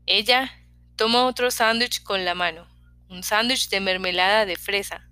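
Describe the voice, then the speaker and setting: A woman narrating a novel in the first person with a calm, measured reading. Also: medium pitch, dry recording. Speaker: audiobook reader.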